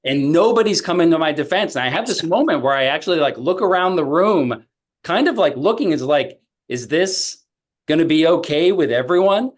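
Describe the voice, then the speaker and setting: A man's voice: fairly high pitch, normal speed. Man telling a comedy club story. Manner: animated storyteller, acting out quotes. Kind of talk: casual podcast storytelling. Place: podcast studio.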